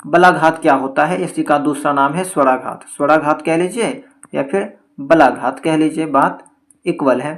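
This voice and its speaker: A man's voice: a little high, moderate pace. A man's slightly raised voice carries this Hindi grammar lesson for exam takers. He explains each point step by step and drops English words into his Hindi. He often checks in with his class as he goes. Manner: explanatory, checks in with repeated "theek hai". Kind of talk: exam-prep lecture.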